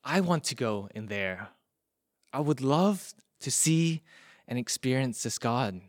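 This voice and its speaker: A preacher playing an eager, wondering traveler. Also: male voice, mid-range voice, expressive, takes it slowly, no echo, clean studio sound. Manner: wondering, questioning. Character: curious eager male foreign traveler. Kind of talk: preacher acting out an illustration.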